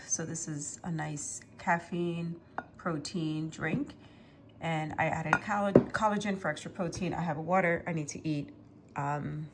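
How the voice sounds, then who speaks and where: A woman's voice: lowish voice, darkish tone, slight background noise, low-quality recording. A middle-aged woman with a cold, chatting upbeat and straight to camera in a casual vlog. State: sniffly with a cold. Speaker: lifestyle vlogger.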